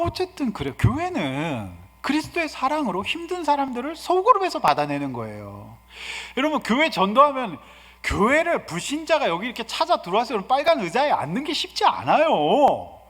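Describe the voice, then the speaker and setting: Lively fifties man preaching in a church hall. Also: on the high side, slightly rough. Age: 50s. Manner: lively preaching that swings from soft asides to loud exhortation. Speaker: guest pastor. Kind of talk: sermon. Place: church sanctuary.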